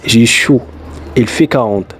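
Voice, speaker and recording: A Moroccan YouTuber whose first language is Darija tells stories in a casual vlog, speaking loose, non-native French packed with fillers. His medium-pitched voice is slow, a bit bright and slightly rough.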